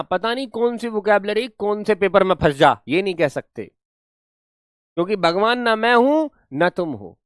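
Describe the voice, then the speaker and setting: This high-pitched male voice has a clean tone and dry, studio-quality sound. Switching between Hindi and English, he teaches an online English lesson, spells out words one letter at a time, and teases students with mock scolding.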